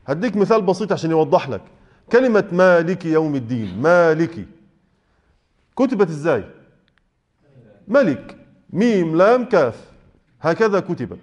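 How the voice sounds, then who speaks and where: High-voiced Egyptian man teaching a class. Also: big pitch swings, brisk, a little mellow, dull audio. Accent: Egyptian Arabic. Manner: conversational, checks understanding with rhetorical questions. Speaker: Quran recitation teacher. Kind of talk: explaining a text in class. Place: mosque.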